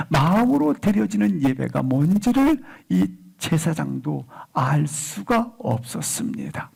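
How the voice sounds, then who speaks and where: A male pastor preaching a Sunday sermon. He leans hard on key words, drawing them out slowly, then lets phrase endings drop almost to a whisper. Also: on the high side, vocal fry, slightly rough. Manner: swings between loud emphatic stresses and phrase endings dropped to a whisper; slow, drawn-out stress on key words.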